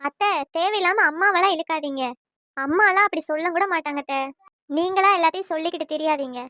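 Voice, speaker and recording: Woman voicing a soft pleading young wife, cartoon, very high bright voice. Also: fast, dry recording, clean studio sound. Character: meek, pleading young daughter-in-law. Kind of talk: cartoon voice acting.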